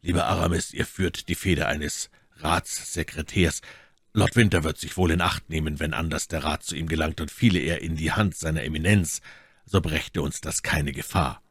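A man voicing a grave, brooding musketeer in an audiobook reading, speaking low and subdued. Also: fairly even intonation, moderate pace, a bit bright, breathy edge, no echo, clean studio sound, exaggerated voice. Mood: measured.

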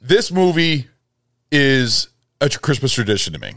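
A man in his late thirties with a mid-pitched voice, chatting casually as a podcast co-host and often circling back to correct himself. The recording is dry and close to the mic. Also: sing-song, normal speed, a bit bright, dry recording. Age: 30s. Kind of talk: casual chat.

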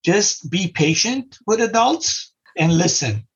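Speaking slowly and very animatedly, a middle-aged Lebanese podcast guest gives earnest, casual life advice in an interview, repeating simple lessons. His voice is high and slightly rough, and the recording is muffled and lo-fi.

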